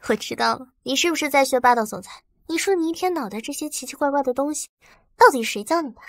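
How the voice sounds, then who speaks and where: An actress playing a patient young wife who coaxes and gently scolds her husband. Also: high voice, animated, fast, no echo, clean studio sound. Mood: gently scolding. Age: young adult. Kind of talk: short romantic drama acting.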